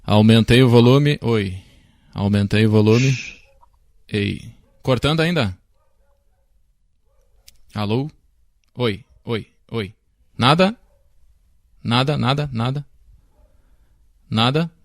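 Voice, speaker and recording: A man's voice: mid-range voice, slow, long pauses, dry recording, clean studio sound. A man hosting an interview over a video call, speaking plainly and patiently. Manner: plain, patient, checking the connection. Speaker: interviewer, host.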